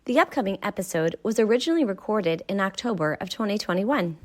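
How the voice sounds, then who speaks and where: A woman's voice: medium pitch, animated, quick pace. A woman reading a formal scripted show introduction. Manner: read-out, formal. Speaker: show announcer. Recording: loud music under the voice.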